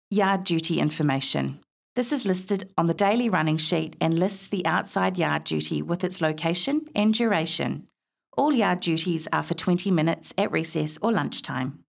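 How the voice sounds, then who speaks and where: A woman narrates in the manner of a smooth audio guide. Her voice sits a little low for a woman, with a clear touch of creak. She reads scripted information in a measured, instructional way.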